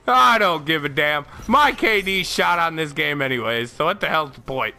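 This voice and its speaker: A man giving profane, excitable gameplay commentary, shouting at the game and laughing often. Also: a little high, vocal fry. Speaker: gaming channel host.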